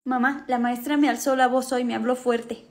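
A woman's voice: on the high side, little pitch movement, moderate pace, a little mellow, close to an everyday voice. A woman acting out a whiny little girl who pleads with her mom in a comedy sketch. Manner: pleading, sulky.

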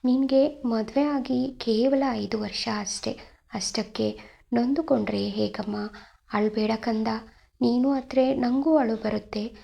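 A loving older mother, as a woman narrator voices her, comforting and tender. Her voice is mellow and dark, with a gravelly creak and a fairly high pitch. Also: steady tone, unhurried, exaggerated voice.

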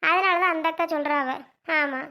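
Brief: woman as a put-upon rural wife, very high-pitched, pleading and shrill. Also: moderate pace, sharp tone. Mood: defiant. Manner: pleading, then shrill and alarmed. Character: put-upon village wife standing up to husband. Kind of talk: homemade village comedy skit.

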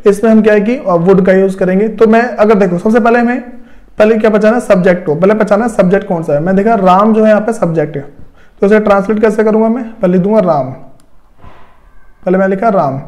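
A man's voice: high voice, a little fast, darkish tone. A man teaching an English grammar lesson, explaining step by step and asking himself rhetorical questions as he writes on a board. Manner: repetitive, rhetorical questions to students.

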